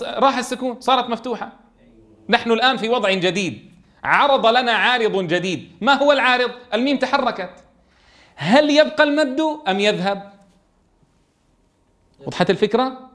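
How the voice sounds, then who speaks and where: A man's voice: very high voice, a little fast, long pauses, a bit bright. A man teaching a tajweed lesson in a classroom, keeps asking his students questions and answering them himself. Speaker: Quran recitation teacher.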